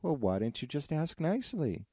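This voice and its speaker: A man voicing a small, cheeky male piglet with squeaky, high exclamations. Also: sing-song, normal speed, a little mellow, slightly rough, no echo, clean studio sound.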